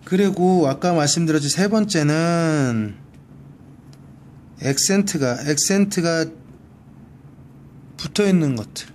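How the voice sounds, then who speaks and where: 느릿하게 반복하는 남자 스페인어 강사. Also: male voice, on the high side, lively intonation, a little mellow, slight background noise. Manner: slow, patient, repeats words for practice. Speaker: Spanish tutor. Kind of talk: one-on-one grammar lesson. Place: library.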